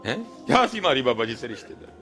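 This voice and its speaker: A man in his thirties with a Punjabi accent, preaching an emotional sermon and telling stories, with loud outbursts and hushed lines in turn. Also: medium pitch, big pitch swings, soft background music.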